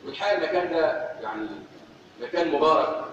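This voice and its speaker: A man's voice: on the high side, animated, quick pace, fairly bright tone, a little hiss or hum. A man preaching with an Egyptian accent in a fervent, repetitive sermon style, addressing his congregation. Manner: fervent, repeating phrases for emphasis. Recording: echoey hall, distant, dull.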